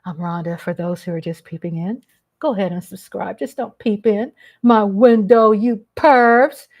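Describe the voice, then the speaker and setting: A woman's voice: mid-range voice, steady tone, normal speed, darkish tone. A woman hosting her own live-stream vlog, speaking off the cuff in a blunt, emphatic way with casual swearing. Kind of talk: unscripted live commentary.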